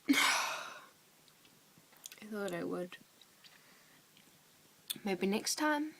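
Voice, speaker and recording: A drunk woman rambling casually in a confessional vlog, halting, drifting and swearing as she goes. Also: medium pitch, lively intonation, gravelly, slight background noise. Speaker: vlogger.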